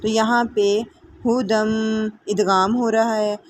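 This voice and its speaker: A woman teaching tajweed, explaining the rules quickly and reciting verses slowly with long drawn-out vowels. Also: mid-range voice, steady tone, a little hiss or hum. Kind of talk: tajweed lesson.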